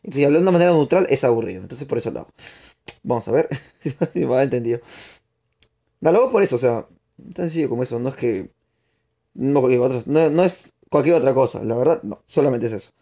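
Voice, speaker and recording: Guy doing a spain spanish accent, chatty live gamer reading chat, soft dark tone. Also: medium pitch, expressive, quick pace. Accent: put-on Spain Spanish. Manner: chatty, answers viewers' chat while playing, rambling restarts. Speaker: game streamer. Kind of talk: live gaming stream commentary.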